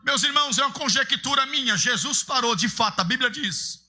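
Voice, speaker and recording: A man preaching an impassioned sermon in a church, building to shouts and sing-song repetition. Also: very high-pitched, fairly quick. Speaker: evangelist preacher. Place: large church sanctuary.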